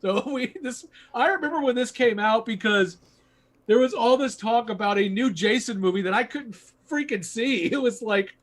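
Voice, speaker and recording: High-voiced laughing man. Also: moderate pace. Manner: rambling, laughs often, crude jokes. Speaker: podcast co-host. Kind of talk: casual horror movie chat.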